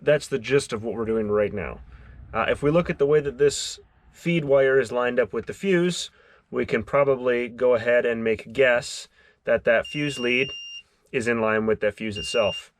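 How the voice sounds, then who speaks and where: Speaking at a normal pace with a medium pitch, a man hosting a DIY car electronics video walks through his project one step at a time. He thinks out loud as he works.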